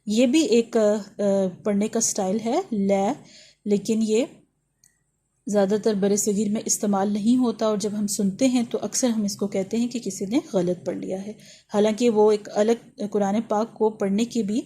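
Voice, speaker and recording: A woman teaching an online lesson on reading Quranic letters, who explains patiently and sounds out each letter slowly, over and over. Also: mid-range voice, steady tone, warm tone. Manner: patient, demonstrates sounds slowly and repeats them.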